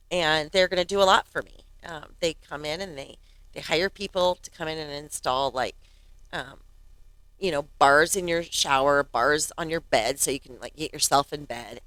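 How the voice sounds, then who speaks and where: A woman's voice: deep voice, a bit bright, no echo. Chatty woman in her fifties, dry close mic. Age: 50s. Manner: chatty, laughs often, acts out quotes. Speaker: podcast host. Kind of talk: casual storytelling monologue.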